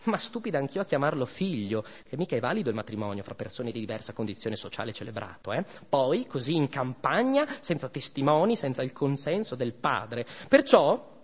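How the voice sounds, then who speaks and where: A man's voice: mid-range voice, sing-song, brisk, hardly any pauses. A man voicing Venus, a haughty vengeful goddess and jealous mother, in a scolding, theatrical way during a dramatic reading of a myth. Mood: mocking scorn. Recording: dull recording with long reverb.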